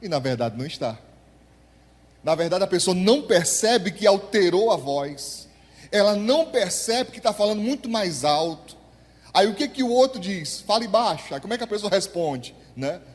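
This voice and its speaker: A pastor with a notably high voice delivers a sermon, stretching his key words and pressing the congregation for replies. His voice rings out in the long reverb of a church hall. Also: sing-song, moderate pace. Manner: emphatic preaching, drawing out key words, calling on the congregation to answer.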